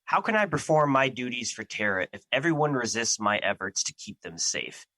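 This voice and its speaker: A man's voice: mid-range voice, very animated, normal speed, sharp tone. A man playing Fear as an ancient, solemn and anxious being, speaking formally and theatrically in an audio drama. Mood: distressed, indignant.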